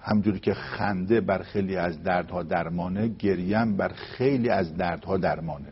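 A man giving a religious talk, telling a story and reciting verses slowly and deliberately. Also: sits low, husky, muffled recording. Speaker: religious speaker.

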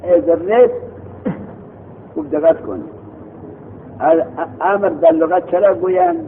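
A man's voice: sits high, a little hiss or hum. A man teaching a seminary grammar lesson, quizzing his students and repeating their answers back to them. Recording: tinny phone-like lo-fi recording.

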